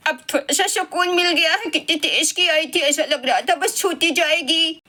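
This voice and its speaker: A woman doing a high, whiny little boy. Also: normal speed, pushed and bright. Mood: disgusted. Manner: whiny, pleading, urgent. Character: young boy, impatient and desperate.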